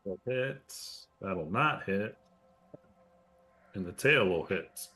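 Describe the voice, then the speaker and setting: A man's voice: lowish voice, animated, slow, bright, forceful tone, soft background music. A man running a tabletop game as game master, explaining rules and narrating plainly.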